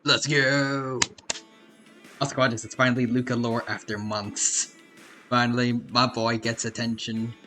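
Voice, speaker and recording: A man doing casual live game commentary as a streamer, chatty and animated. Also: mid-range voice, moderate pace, faint music behind.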